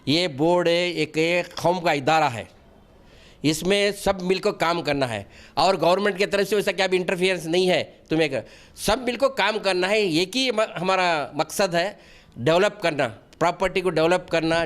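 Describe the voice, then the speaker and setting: A man's voice: fairly high pitch, a bit bright. A middle-aged man, answering interview questions earnestly and defensively, often restarting his sentences. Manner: defensive and pleading. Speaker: wakf board member being interviewed.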